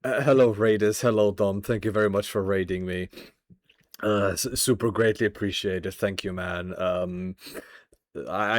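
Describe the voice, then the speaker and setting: Here a young streamer keeps up casual game livestream chat, rambling, stammering, cursing and joking with his audience. His voice has a fairly low pitch, and the recording is dry and studio quality.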